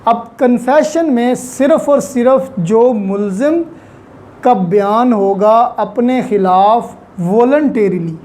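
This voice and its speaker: Speaking slowly in a warm, slightly high voice, a woman lectures on law against faint background noise. The talk blends Urdu-Hindi with English legal terms, and she keeps restating important phrases as she instructs.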